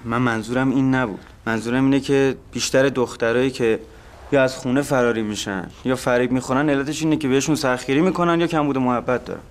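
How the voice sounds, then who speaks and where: An actor playing an earnest, caring young man talking things through with his mother, in a gentle, pleading way. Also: medium pitch, fairly even intonation, natural voice. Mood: defensive. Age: young adult. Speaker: eldest son. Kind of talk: TV drama acting.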